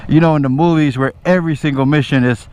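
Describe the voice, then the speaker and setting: An army veteran motovlogger rambles through a story to camera while riding a motorcycle in traffic outdoors, cursing freely and often checking in with the listener. His voice is on the high side, steady, fast and darkish yet clean, with engine and road traffic noise behind it.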